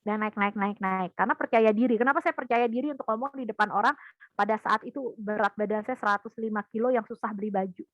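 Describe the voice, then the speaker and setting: This woman talks fast in a mid-range voice, and the recording is dry with lo-fi sound. She gives a parenting talk in an online seminar, lively in her storytelling and addressing the parents directly.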